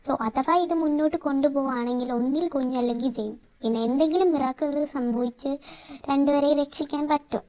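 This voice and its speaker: Figure: calm hospital doctor, played by a woman. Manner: measured, serious. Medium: fan audio drama. Pitch: very high. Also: lightly acted. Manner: measured, explanatory.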